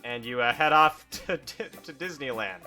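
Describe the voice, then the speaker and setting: Low-voiced woman running a tabletop game, bright tone. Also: animated, normal speed, soft background music. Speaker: game master. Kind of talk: improvised tabletop game narration.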